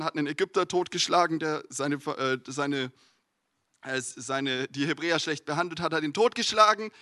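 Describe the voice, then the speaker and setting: Young male preacher, easygoing and slangy, keeps saying "uh," pitched a bit high and recorded dry. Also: no room sound. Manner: relaxed, slangy, many filler sounds. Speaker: youth retreat preacher. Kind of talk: casual sermon with Bible reading.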